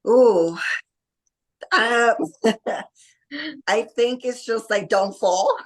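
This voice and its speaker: A woman's voice: on the high side, extremely slow. A woman from Costa Rica, a guest on a podcast, talking casually with many fillers. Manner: hesitant, many fillers, laughs easily. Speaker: podcast guest, bodybuilding athlete. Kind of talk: casual interview.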